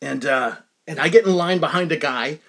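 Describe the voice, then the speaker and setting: A man with a slightly higher-than-usual voice tells a personal story in a loose, conversational way. He rambles, restarts his sentences and keeps turning to his listeners with little asides. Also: normal speed, gravelly, a bit bright. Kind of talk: casual personal anecdote monologue.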